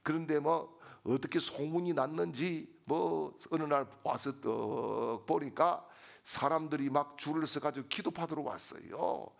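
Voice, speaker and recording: A middle-aged man preaching a sermon as pastor, building to shouted refrains and telling humorous stories with voices. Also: fairly high pitch, a little slow, vocal fry.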